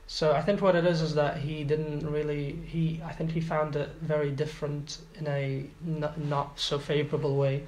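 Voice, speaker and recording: A man's voice: a little high, level tone, normal speed, hardly any pauses, a little mellow. A man in his twenties from Iraq, talking as an interview guest, hesitant with many fillers and restarts. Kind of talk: casual interview. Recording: roomy echo, faint background noise.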